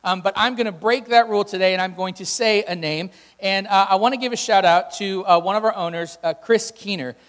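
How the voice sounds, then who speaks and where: Addressing his congregation in a relaxed, conversational way, a man acting as pastor runs through welcomes and announcements. He sounds high, brisk and fairly bright, amplified by a PA in a big church room, with hall echo and music underneath.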